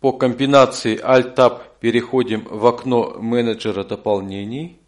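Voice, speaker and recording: A man narrating scripted step-by-step instructions as an audio course instructor, measured and neutral. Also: medium pitch, fairly even intonation.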